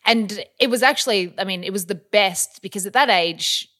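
A woman's voice: medium pitch, moderate pace, a bit bright. A young Australian woman chatting casually as an interview guest, with lots of ums and likes. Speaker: guest, model and influencer.

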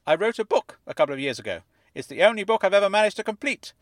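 A man voicing an excitable middle-aged newspaper writer with a fuzzy, wobbly, slightly distorted voice and a gushing way of talking. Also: high voice, fast talker, no echo, voice pushed up. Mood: eager. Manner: effusive, gushing, rambles when excited.

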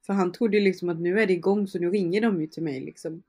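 A woman's voice: lowish voice, warm tone, husky. A young woman, an interview guest, casually recounting personal events with fillers and quoted dialogue. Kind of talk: personal storytelling in conversation.

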